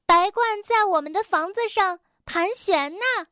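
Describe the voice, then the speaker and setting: A woman voicing an excitable young rabbit in a children's storybook, in a squealing, eager way. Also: very high voice, unhurried, no room sound, studio quality, pitched above the performer's own voice, exaggerated voice. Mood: excited.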